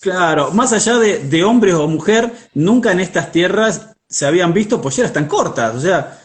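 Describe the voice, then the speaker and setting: Casting: male history presenter, Buenos Aires accent, slightly high voice, chatty storyteller with wry mock-solemn touches. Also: animated, moderate pace. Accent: Buenos Aires Argentine.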